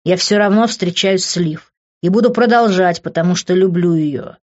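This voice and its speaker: A woman's voice: on the low side, normal speed, darkish tone, dull audio, close to an everyday voice. A woman voicing a blunt, cocky young man who lectures his parents.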